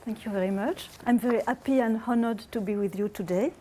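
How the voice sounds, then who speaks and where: A woman with a French accent gives an academic lecture, speaking in a measured way with hesitant fillers. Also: on the high side, very noisy.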